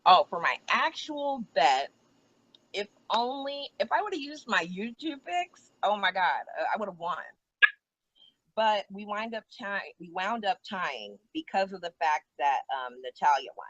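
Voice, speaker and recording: A woman co-hosting a casual wrestling chat, talking in a chatty, animated way and laughing easily, recorded out back outdoors. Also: medium pitch, measured pace, dry recording. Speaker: co-host. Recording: dull lo-fi sound.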